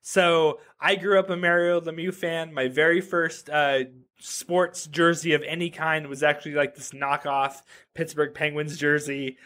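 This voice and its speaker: Chatty man with a slightly high voice. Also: little pitch movement, measured pace, bright, forceful tone. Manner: loose and chatty, heavy use of "like" and "right?". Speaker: podcast guest, web developer. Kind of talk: casual interview chat.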